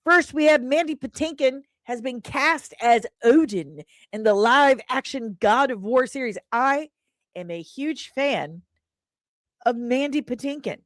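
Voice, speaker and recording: Here a high-pitched woman with lively intonation reads and responds to chat comments on her entertainment news livestream at a measured pace. Her manner is casual, chatty and cheeky, full of slang and pet names, in a dry, clean studio recording.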